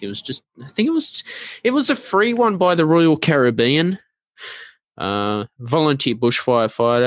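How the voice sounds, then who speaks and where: A man hosting a podcast, chatting in a laid-back, halting way with lots of fillers and murmured agreement. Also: mid-range voice, fairly bright tone, dry recording. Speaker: podcast host. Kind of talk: casual podcast chat.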